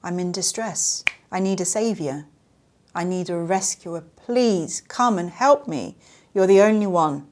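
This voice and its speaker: A woman's voice: lowish voice, a little slow, a little mellow, natural voice. A woman acting out a pleading adult in fake distress who begs over and over to be rescued.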